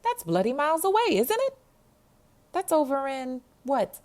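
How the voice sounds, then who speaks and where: A woman's voice: high-pitched, sing-song, normal speed, darkish tone, voice pushed up. A woman voicing a tired, grumpy taxi dispatcher on the phone, weary and sarcastic.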